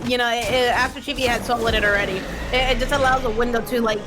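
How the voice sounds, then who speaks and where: A woman's voice: a little high, fairly even intonation, fast, noisy background. A woman doing chatty color commentary on a video game match, hedging with fillers. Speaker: esports caster. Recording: music bed behind voice. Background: game music.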